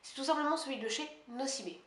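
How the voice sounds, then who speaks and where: A woman beauty vlogger talking quickly and casually at home, chatty and poking fun at herself. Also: sits high, a bit bright. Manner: fast, chatty and self-mocking. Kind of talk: casual monthly favorites haul chat. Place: her apartment. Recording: echoey room with faint hiss.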